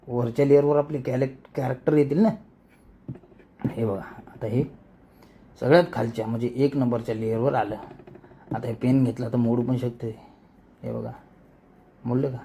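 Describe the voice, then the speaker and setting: A man with a rural Marathi accent from Maharashtra creates animation tutorials, speaking in a mellow, mid-range voice. He walks through the steps casually and colloquially, often repeating words as he demonstrates. There is slight background noise.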